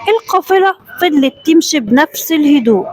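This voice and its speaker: A woman with an Egyptian accent narrating a children's story in a lively, dramatic way. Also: sits high, a little fast, no echo, rough recording.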